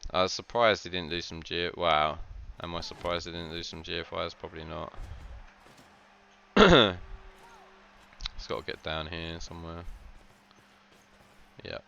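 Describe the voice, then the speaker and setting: A man's voice: low-pitched, fairly even intonation, unhurried, gravelly, long pauses, pushed and bright, dull audio, slight background noise. A man giving casual commentary on a game match, rambling with lots of filler words and frequent laughs.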